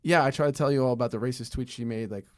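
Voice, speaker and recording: Fast-talking man co-hosting a podcast. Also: mid-range voice, no echo, studio quality. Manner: rambling, with many fillers and restarts. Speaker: podcast co-host. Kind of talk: casual podcast chat.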